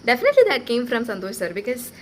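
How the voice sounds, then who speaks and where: Young woman vlogger, a bit high-pitched, earnest storyteller who acts out quoted dialogue; faint room hum behind. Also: wildly swooping pitch, rapid-fire, poor audio. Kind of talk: casual personal storytelling.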